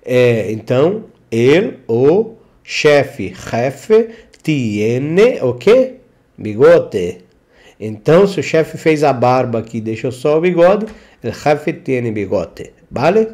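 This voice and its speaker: A man teaching a language lesson over slides, repeating words slowly for pronunciation and often checking in with the learner. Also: mid-range voice, big pitch swings, warm tone. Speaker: Spanish language instructor.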